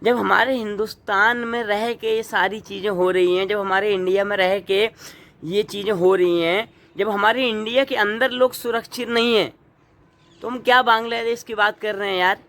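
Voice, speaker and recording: A man's voice: high voice, fairly even intonation, moderate pace, pushed and bright. A young man from Uttarakhand, India, giving earnest, indignant opinion commentary as a vlogger, asking the viewer pointed rhetorical questions.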